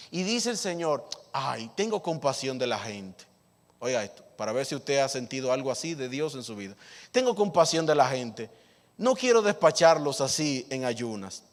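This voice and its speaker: A pastor with a notably high voice, preaching with lively swings of emphasis. He acts out scripture dialogue and chuckles along the way. His voice rings with the long echo of a church hall. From Dominican Republic. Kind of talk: sermon. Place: church sanctuary.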